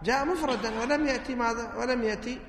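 A religious teacher explains hadith texts, often pausing to ask his listeners a question before answering it himself. His voice sits high for a man. The recording carries a long, roomy hall reverb. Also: a bit bright. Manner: asks rhetorical questions and answers them himself.

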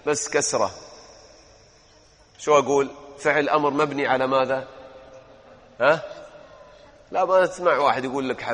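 معلم رجل بصوت عالٍ في قاعة صدى. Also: male voice, on the high side, fairly bright tone, big-room sound. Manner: drills verb forms, quizzing students. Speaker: Arabic grammar teacher. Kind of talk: classroom lesson with students. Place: classroom.

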